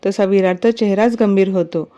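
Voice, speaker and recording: A woman narrating a romantic story in an even storytelling manner. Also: medium pitch, moderate pace. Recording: dull lo-fi recording.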